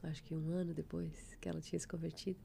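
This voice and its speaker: A middle-aged woman, giving a fervent, expressive testimony of faith as a guest. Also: low voice, fast talker, gravelly, breathy edge.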